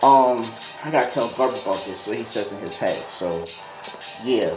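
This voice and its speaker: A video host with a fairly low voice and moderate pace tells a story in a casual, slangy way, improvising and rambling off on tangents. The recording has a roomy echo with a music beat behind his voice.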